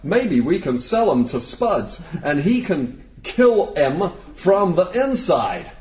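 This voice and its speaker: A man's voice: high-pitched, sing-song, slow, a little mellow, reverberant. A man co-hosting a casual football podcast, blunt and joking as he reads out listener emails. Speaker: podcast co-host.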